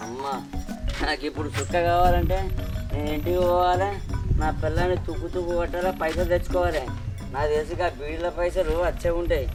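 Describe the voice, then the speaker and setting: An actor with a Telangana accent playing a boastful, slurring drunken village husband. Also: male voice, fairly high pitch, lightly acted. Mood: drunk muttering. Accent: Telangana Telugu. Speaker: actor in a village comedy drama.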